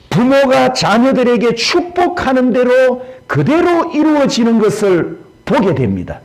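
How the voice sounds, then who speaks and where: Male pastor, sermon delivery, high voice, lots of melodic movement. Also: a little mellow, rough recording. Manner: explanatory preaching, addresses the congregation directly.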